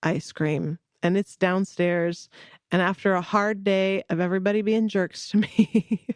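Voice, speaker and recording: A woman's voice: medium pitch, little pitch movement, moderate pace, darkish tone, smooth, no room sound. Chatty woman podcast co-host, dry sound. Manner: chatty and rambling, laughs often. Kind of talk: casual chat.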